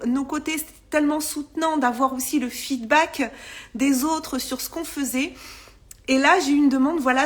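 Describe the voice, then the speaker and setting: Chatty French-speaking woman, bright pitch. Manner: chatty, warm direct address with frequent fillers and small laughs. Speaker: online business coach. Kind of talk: casual Instagram live chat.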